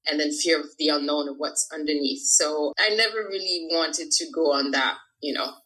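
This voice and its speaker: A woman's voice: low voice, steady tone, moderate pace, sharp tone, poor audio. A woman in her thirties from France, a freediver talking casually as an interview guest, chatty with frequent laughs and fillers. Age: 30s.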